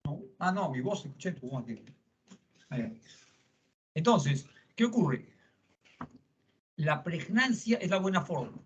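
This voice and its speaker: A middle-aged man giving a psychology lecture in a classroom, conversational and full of tag questions. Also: fairly high pitch. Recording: lo-fi classroom recording.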